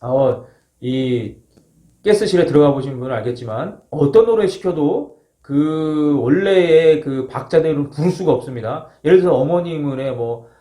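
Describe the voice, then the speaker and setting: With a fairly high-pitched voice and a moderate pace, a former marine casually recounts his own story, animatedly acting out moments and shouts. He ends sentences in a polite, formal way, and the sound echoes around the room.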